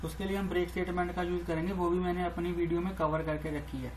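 A woman's voice: fairly low pitch, flat delivery, fast talker, darkish tone, a little hiss or hum, poor audio. Woman explaining code step by step. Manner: talks through each step as she types, repeating phrases. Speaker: programming tutor. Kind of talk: screen-recorded coding tutorial.

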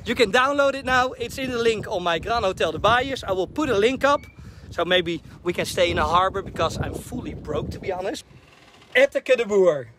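An upbeat sailing vlogger from the Netherlands gives a casual tour of his sailboat in a harbor, moving between cabin and deck. His voice is high and fairly bright, and he's enthusiastic and chatty, calling viewers "guys," with the camera held at arm's length.

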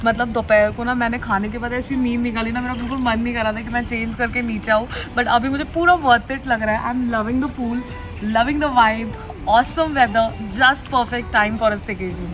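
A woman's voice: on the high side, steady tone, normal speed, over music. A young woman from India giving an upbeat hotel tour as a vlogger, chatting straight to the camera and mixing Hindi with English, filmed on a phone held at arm's length in rooms and by an outdoor pool. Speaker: travel and food vlogger.

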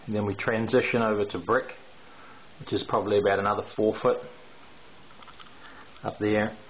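Dull, echoey lo-fi audio with faint hiss comes from a handheld camera mic in an indoor bare brick basement, where a middle-aged renovation contractor tours a house under renovation. His voice is lowish, flat, and at normal speed, and he explains construction details hesitantly with many fillers.

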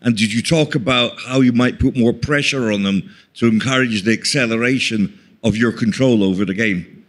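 A man's voice: mid-range voice, normal speed. Male reporter with a long formal question. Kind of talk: press conference question.

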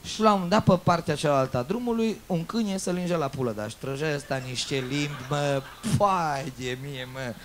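A man telling jokes, swinging between loud outbursts and muttered asides. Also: fairly high pitch, hardly any pauses, slight background noise. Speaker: joke teller. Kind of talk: telling jokes with acted-out voices.

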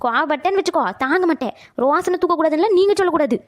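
A woman voicing a bossy, sharp-tongued old grandmother who scolds fast and dotes on her grandson. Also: sits high, lightly acted. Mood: scolding. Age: older. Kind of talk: cartoon voice acting.

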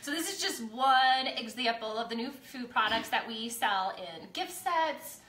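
A woman's voice: a little high, animated, unhurried, bright, forceful tone, a little hiss or hum. Giggly woman chatting in an echoey kitchen. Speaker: co-host. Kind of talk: casual chat while mixing drinks.

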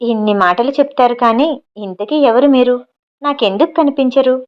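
A woman's voice: fairly high pitch, moderate pace, lo-fi sound, close to an everyday voice. A woman voicing a spirited, sulky young woman on the phone in her own voice.

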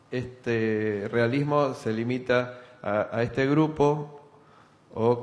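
A man with an Argentine accent asking a long question from the audience, filling pauses with "eh". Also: medium pitch. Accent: Argentine Spanish. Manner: fills pauses with "eh", drawn-out question. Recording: reverberant auditorium.

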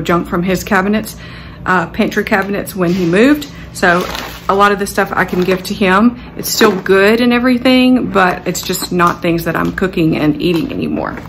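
A lifestyle vlogger in her thirties rambles casually with fillers while showing off a grocery haul in her home kitchen. She has a medium-pitched voice and records on a handheld phone camera, with slight background noise.

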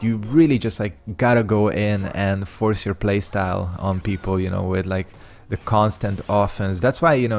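In a low, slightly mellow voice, a young gaming channel host rambles casually over his own fighting game matches. Hungarian is his first language, and he leans on loose slang and lots of fillers.

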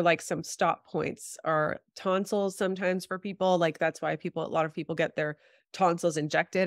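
In a lowish, somewhat stuffed-up voice, a woman in her thirties casually explains health matters, sprinkling in "like" and "you know." She joins a video call interview as a guest chiropractor and acupuncturist from a small room in her home. The audio is clean studio sound with no echo.

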